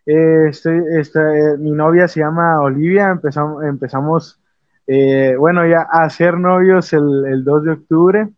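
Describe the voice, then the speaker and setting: Young man, fairly high voice, hesitant, many fillers, dry lo-fi sound. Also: steady tone, a little slow, dry recording. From Mexico. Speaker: musician guest. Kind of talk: casual interview answers.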